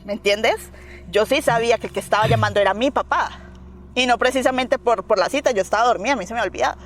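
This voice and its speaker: A woman's voice: on the high side, quick pace, slight background noise. Colombian woman telling a story with animation. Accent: Colombian Spanish. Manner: animated storytelling, acting out quoted dialogue, frequent "¿me entiendes?". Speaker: interview guest. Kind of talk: recounting a personal paranormal experience.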